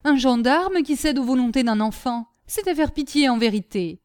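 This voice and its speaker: A woman reader voicing a grumbling, quarrelsome old woman servant who scolds without pause. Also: high voice, big pitch swings, a little mellow, pitched above the performer's own voice. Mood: scolding. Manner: scolding, quarrelsome, quick retorts.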